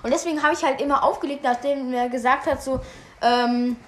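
A woman's voice: high-pitched, fairly even intonation, a little fast, roomy sound. A young woman co-hosting a podcast in casual chat, giggling often and rambling as she loses her thread. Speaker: podcast co-host.

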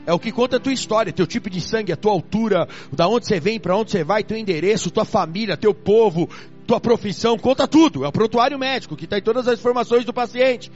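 A high-pitched man preaches a sermon, moving from quiet personal testimony to loud, shouted calls to the crowd. The recording is muffled and lo-fi, with soft music underneath. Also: fast talker. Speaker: pastor.

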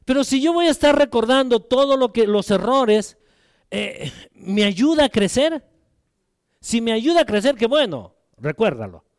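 A man's voice: very high voice, sing-song, a little slow, no room sound, studio quality. An older man, a pastor, preaching a sermon in a conversational way, asking rhetorical questions and acting out quotes.

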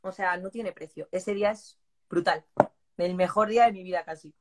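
A woman's voice: lowish voice, moderate pace. Emotional woman in her forties. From southern Spain. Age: 40s. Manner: animated, moved, voicing people in her story. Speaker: interviewee, police exam candidate. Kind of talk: emotional personal storytelling.

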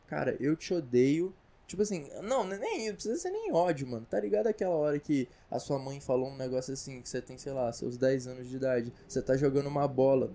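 A man's voice: a little high, dark tone. A Brazilian man rambling through a comedic casual monologue, slangy and full of asides. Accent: Brazilian Portuguese. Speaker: vlogger.

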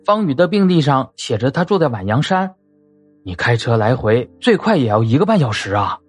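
A man voicing a cornered male doctor with a husky voice, bitter and desperate in an audio drama. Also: mid-range voice, big pitch swings, a little fast, no echo, faint music behind. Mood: questioning. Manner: rising into desperate shouts.

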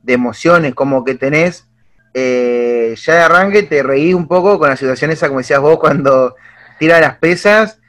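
Young Argentine man, casual chat, excitable and slangy, slightly high voice. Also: normal speed. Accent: Argentine Spanish. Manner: excitable, slangy, animated retelling.

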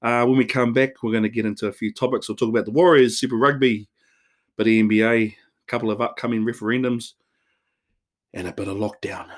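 A man's voice: mid-range voice, fairly even intonation, quick pace. A man with a Māori New Zealand accent co-hosts a podcast, chatting casually in a laid-back, slangy, matey way. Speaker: podcast co-host. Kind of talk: casual chat.

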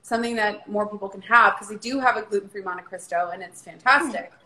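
A woman's voice: medium pitch, fast talker, bright, forceful tone. Chatty woman guest in a roomy space. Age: 30s. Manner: chatty, easygoing. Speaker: podcast guest. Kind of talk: casual chat.

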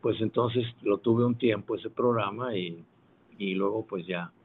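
A man in his seventies with a Mexican accent, a retired broadcaster answering interview questions in a measured, unhurried, modest way. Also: fairly low pitch, husky. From Monterrey, Mexico. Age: 70s. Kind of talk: phone interview. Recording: tinny phone line.

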